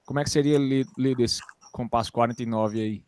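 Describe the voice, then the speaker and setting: A man's voice: medium pitch, steady tone, quick pace, a little mellow, a little hiss or hum. A man on a video call asking questions about rhythm in a music lesson, with restarts and jokes. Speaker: music student. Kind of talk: casual questions in an online lesson.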